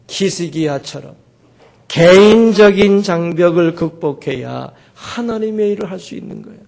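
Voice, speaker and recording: A pastor preaching a sermon, emphatic and rising to loud exclamations to his church. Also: high-pitched, gravelly.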